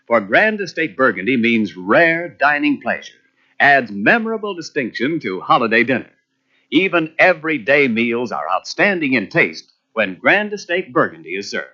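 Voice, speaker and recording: A man's voice: mid-range voice, sing-song, moderate pace, bright, forceful tone. A man as a polished, emphatic announcer reading scripted sponsor copy on 1940s radio. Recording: muffled old radio tape.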